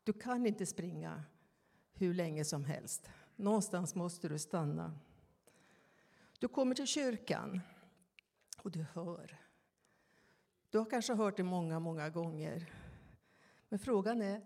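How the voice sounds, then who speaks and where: A woman preaching a sermon, slow and reflective, with pauses and questions put to her listeners. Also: on the low side, animated, creaky, darkish tone, long reverb tail. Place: church.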